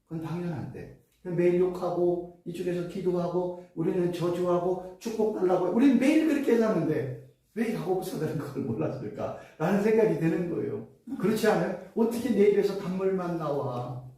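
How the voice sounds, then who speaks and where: A woman's voice: fairly low pitch, animated, a little fast, mellow. A woman theology professor giving an emphatic, sermon-like Bible lecture full of repetition and rhetorical questions, recorded in an echoey room from a distance. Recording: echoey room, far from mic.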